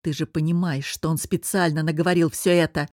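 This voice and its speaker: A woman's voice: flat delivery, a little fast, a little mellow, no room sound, clean studio sound, lightly acted. A woman voicing a growling, stubborn young husband. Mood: angry. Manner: low growling insistence. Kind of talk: audiobook character reading.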